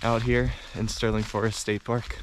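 A man's voice: fairly low pitch, flat delivery, moderate pace, a little hiss or hum. A man narrating his hike outdoors on a rainy forest trail, casually explaining his route step by step. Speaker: hiking vlogger. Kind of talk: casual narration to camera while hiking.

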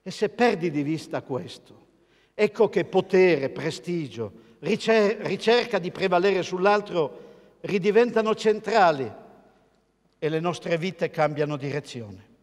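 An older male pastor with an Italian accent, preaching a sermon from a church pulpit in a measured, emphatic way, posing rhetorical questions to the congregation. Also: sits high, lively intonation. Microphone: pulpit mic, filmed by a camera across the church. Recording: long church reverb.

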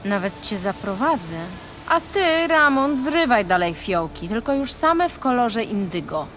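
A woman's voice: on the high side, big pitch swings, measured pace, a bit bright, soft background music. A woman voicing a proud, sardonic succubus in a video game, with a haughty, teasing way of talking. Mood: bossy, teasing.

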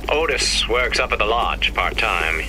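A low, gruff schemer on a game audio log, grumbling in a conspiratorial way. Clear noise sits under the voice. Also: male voice, lively intonation, a little slow. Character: gruff man scheming over a locked box.

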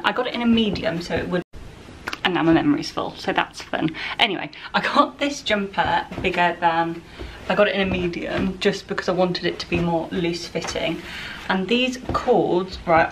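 A young woman talks her way through a try-on haul, rambling and casual, with plenty of "like" and "um". Her voice sits a little low. She is recorded from across the room, with a constant hiss underneath. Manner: chatty, rambling, filled with "like" and "um". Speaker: fashion vlogger. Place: home, indoors. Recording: distant camera mic with steady background noise.

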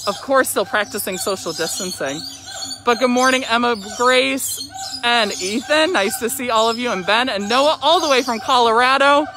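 Excited masked woman presenting over noisy bird calls. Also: fairly high pitch, normal speed. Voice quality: slightly muffled through a face mask. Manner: excited, chatty, exclaiming. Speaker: zoo educator hosting a live animal show. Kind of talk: upbeat live-stream presenting. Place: outdoor zoo by a lorikeet aviary. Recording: very noisy aviary, loud bird and animal calls. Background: loud bird calls and chirping.

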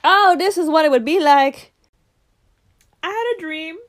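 A young woman doing comedic skits in an animated, brash way, swearing freely. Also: extremely high pitch, measured pace, dry recording. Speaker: comedy content creator.

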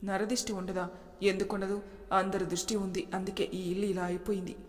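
A woman's voice: medium pitch, flat delivery, a little fast, close to an everyday voice. A woman voicing a cold, resentful young husband who speaks curtly and dismissively, with a long reverb. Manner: curt and dismissive.

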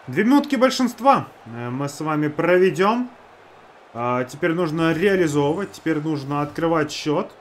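A man's voice: fairly high pitch, expressive, moderate pace, slight background noise. A man giving casual play-by-play of a hockey video game, talking to the players and to himself. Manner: talks to teammates and himself. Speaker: gamer narrating own hockey video game.

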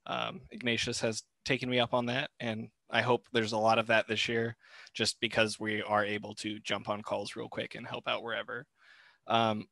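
A young man casually introducing himself at a student club meeting over a video call, relaxed, with fillers and restarts. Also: medium pitch, no echo. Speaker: graduate liaison.

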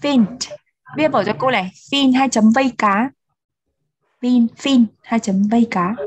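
A woman teaching English vocabulary to children, repeating words and gently correcting their pronunciation. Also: a little high, moderate pace, highs cut off.

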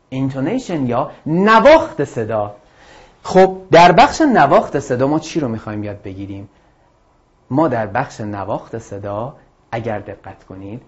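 A male teacher walks students through a lesson, his voice rising and falling in a lively, animated way. The audio is muffled and lo-fi, like an older classroom video. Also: medium pitch. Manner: lively, explanatory, addresses students directly. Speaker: English teacher. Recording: dull lo-fi audio.

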